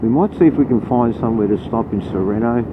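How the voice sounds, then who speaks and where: A man's voice: medium pitch, fast talker. An Australian man giving a casual, rambling, blunt running commentary, his voice muffled inside a helmet as he rides a motorcycle. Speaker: motorcycle vlogger. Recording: muffled narrow-band helmet audio, loud road noise. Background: loud engine, wind and road noise.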